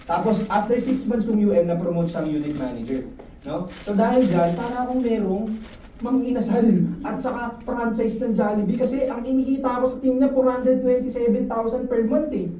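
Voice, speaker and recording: A man giving a lively, joking motivational talk to his insurance sales team, often asking the room questions. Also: extremely high pitch, moderate pace. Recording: echoey room, mic at a distance, faint noise.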